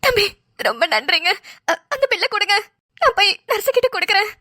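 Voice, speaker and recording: A woman's voice: very high voice, very animated, fairly quick, pushed and bright, no room sound, clean studio sound, full character voice. A woman voicing a frightened young wife who tearfully pleads for her husband in a cartoon.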